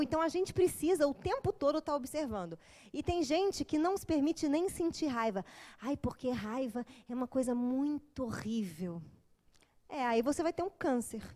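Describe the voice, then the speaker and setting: A woman psychologist giving an informal, joking lecture to an audience, acting out little scenes as she goes. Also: high voice. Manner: lively, joking, acts out little quoted scenes.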